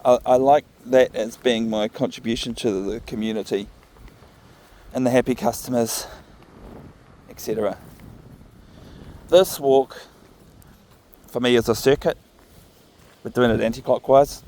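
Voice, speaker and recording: Out on a path with his dog, a man with a New Zealand accent records a vlog on his phone, musing and thinking aloud in an unhurried, casual ramble. His voice is medium-pitched, steady and warm.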